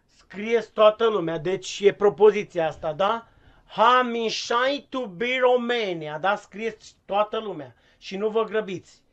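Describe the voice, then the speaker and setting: A man's voice: sits high, fairly bright tone. Guy doing a clueless cussing english teacher, scolds and stammers, muffled lo-fi stream sound. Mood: exasperated. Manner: scolding, cursing, stumbling over words. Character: clueless foul-mouthed male English teacher, impatient. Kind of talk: comic live-stream sketch.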